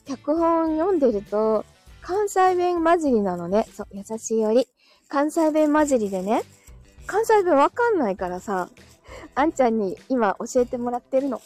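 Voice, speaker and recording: A woman with a slightly high voice hosts a casual live audio stream, reading listener comments and thanking them. She is chatty and laughs often, and her throat sounds dry. Faint music plays underneath. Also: a little mellow.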